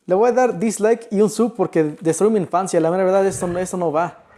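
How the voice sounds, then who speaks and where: A man's voice: sits high, a little fast, dark tone, lightly acted. A man putting on a ranting, indignant viewer. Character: grumpy young male viewer complaining about the video.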